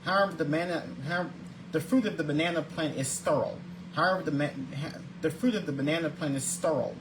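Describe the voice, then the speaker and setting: A man's voice: a little high, quick pace, background noise. A man in his forties hosting his own daily video show, earnest and religious in his greetings, often repeating and restarting words as he reads. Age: 40s. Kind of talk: casual scripted vlog, reading segments aloud.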